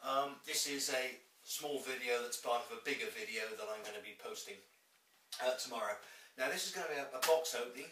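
A man's voice: medium pitch, brisk, bright, forceful tone, slight background noise. A man reviewing pipe tobacco in a rambling, chatty way with many restarts. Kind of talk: casual video chat. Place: room at home. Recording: echoey room, mic at a distance.

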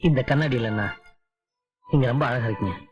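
An actor playing a kind young fiancé in a film scene, speaking in a reassuring way. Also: male voice, mid-range voice, fairly quick, lightly acted. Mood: tender. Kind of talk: 1990s Tamil film acting. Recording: dull film soundtrack, faint music.

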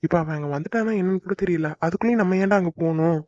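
A man's voice: sits high, very fast, a little mellow, no room sound, highs cut off, natural voice. A man voicing a young man in a cartoon who worries a lot and grumbles at his friend in exasperated banter. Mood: grumbling, fretful. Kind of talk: cartoon voice acting.

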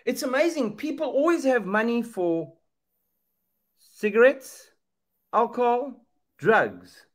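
In a very high, animated voice, a middle-aged man from Zambia preaches slowly and fervently over a webcam video call. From an indoor room, he repeats phrases and asks rhetorical questions with a preacher's emphasis.

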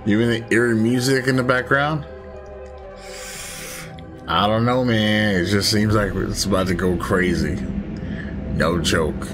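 Gaming host, male, excitable and slangy, slow pace, lowish voice, game music behind. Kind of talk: casual let's-play commentary.

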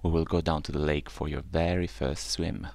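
A man's voice: rumbling low, steady tone, moderate pace, gravelly, darkish tone, no room sound. A man voicing a caring but stern mother duck in a storybook reading, speaking in a raised, scolding tone. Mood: fussing.

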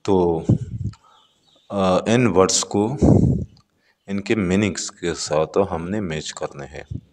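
A man teaching a textbook exercise with a Pakistani accent, reading English words slowly and explaining them. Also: low-pitched, big-room sound. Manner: reads English words slowly, then explains them in Urdu-flavoured Hindi.

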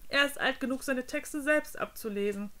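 Cool bored young prince, woman reading him, dry and dismissive, bright voice. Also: high-pitched, moderate pace.

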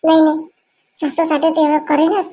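A woman performs in a rural comedy sketch. Her voice sits very high, and she pleads and coaxes with quick, repeated calls of names. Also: monotone, dark tone. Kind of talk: comic sketch acting.

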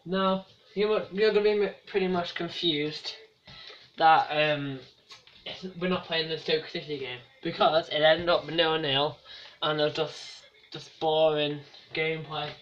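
A young man with a fairly high voice talks over his football match, excitable and foul-mouthed, yelling at the players and the referee. The recording is dull and lo-fi, with a faint hiss underneath. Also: unhurried. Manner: excitable, swears, shouts at the game. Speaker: gamer playing football career mode. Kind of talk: casual gameplay commentary.

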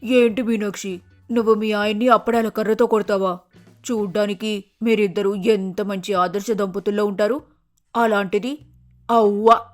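A man's voice: high-pitched, level tone, normal speed, faint music behind, voice pushed up, lightly acted. A man voicing a fussy middle-aged mother in a raised voice, exclaiming and easily shocked.

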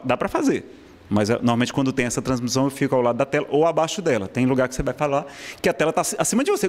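Brazilian male speaking coach, slightly high voice, live class in a hall with long reverb, chatty and checks in often. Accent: Brazilian Portuguese. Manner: conversational, frequent "tá certo?" check-ins. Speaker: public speaking instructor. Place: lecture room with projector.

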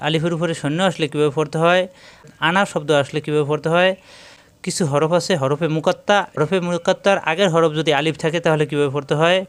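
A man teaching Quran recitation rules, speaking slowly and patiently, repeating each point. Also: on the high side, clean tone, no echo. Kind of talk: tajweed lesson.

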